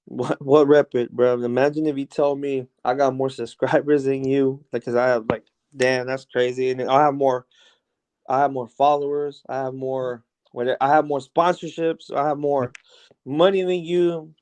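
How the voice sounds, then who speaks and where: A man's voice: medium pitch, flat delivery, moderate pace, darkish tone, clean tone. A man chatting casually as a panel guest, with agreeable, slangy frat-bro talk full of swearing. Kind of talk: casual chat.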